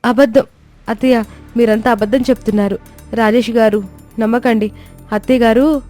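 A woman's voice: a little high, fairly even intonation, moderate pace, warm tone, soft background music, natural voice. A woman voicing a wronged young daughter-in-law who speaks in a pleading, distressed way.

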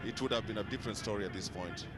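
Male football pundit over loud noise. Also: on the low side, racing. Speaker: football co-commentator. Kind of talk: live sports commentary. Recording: loud outdoor stadium background noise.

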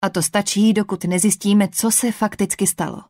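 A woman's voice: medium pitch, fairly even intonation, warm tone, no room sound, studio quality, natural voice. Woman reading a tense ship officer woman. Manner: firm, strained.

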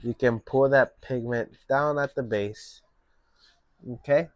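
A young man talks through a painting lesson in a slow, unhurried way, guiding each brushstroke step by step. His voice sits at an ordinary pitch and is recorded close and dry. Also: no room sound, muffled recording. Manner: slow, relaxed step-by-step instruction. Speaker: painting instructor. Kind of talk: painting tutorial.

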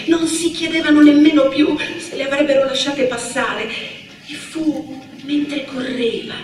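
A woman reads a book passage aloud in a measured, dramatic way. Her voice is very high and unhurried. It reaches the mic from far off through heavy hall reverb. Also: a little hiss or hum. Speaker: reader at a book presentation. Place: large event hall. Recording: echoey hall, distant mic.

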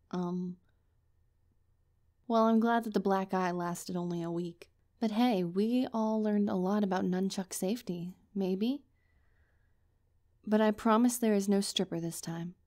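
A young woman acts out a comedic girlfriend role-play with a playful, teasing ramble. Her voice sits at an ordinary middle pitch and stays close to the mic. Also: mellow. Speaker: audio role-play performer.

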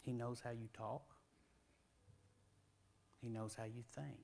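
A man's voice: mid-range voice, little pitch movement, slow, gravelly, warm tone, slight background noise. A man, preaching a sermon in a folksy, conversational way with rising emphatic questions, in a church sanctuary on a lapel mic. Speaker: guest preacher.

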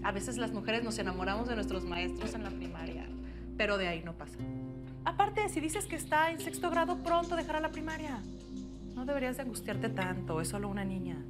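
A woman's voice: fairly high pitch, expressive, a little fast, natural voice. A woman playing a teacher's affectionate wife in a TV drama, talking lightly and reassuringly, with music underneath. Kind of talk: TV drama acting. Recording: TV drama with loud music score.

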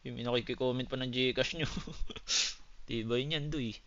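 A man's voice: medium pitch, fairly even intonation, measured pace, fairly bright tone, muffled recording, a little hiss or hum. A man chatting loosely with his live-stream viewers, swearing often and calling them buddy. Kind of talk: casual live-stream chat answering viewers.

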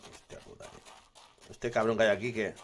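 A man with a Spain Spanish accent giving live gameplay commentary, excitable, swearing constantly and laughing often. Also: lowish voice, a little fast. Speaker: gaming streamer.

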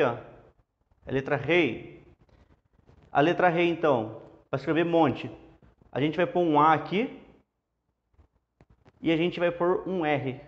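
Chatty Brazilian man teaching at a whiteboard. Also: a little high. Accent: Brazilian Portuguese. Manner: relaxed, chatty, explains step by step. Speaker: Hebrew teacher. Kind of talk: casual lesson at a whiteboard. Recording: dull lo-fi classroom audio.

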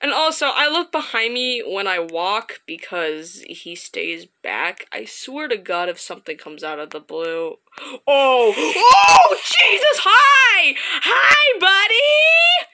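A woman's voice: lowish voice, lively intonation, unhurried, pushed and bright. A woman commenting on a horror game as she plays, often breaking into panicked screams and shrieks, her voice strained from all the screaming. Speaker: gaming video host.

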